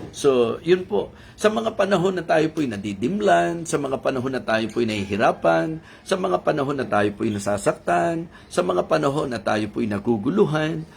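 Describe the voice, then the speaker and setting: Filipino bishop preaching, gravelly voice, kinda high, slow earnest delivery, faint noise and birds behind. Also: male voice, animated. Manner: earnest, slow, mixing Tagalog and English; reads scripture slowly and emphatically. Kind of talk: sermon.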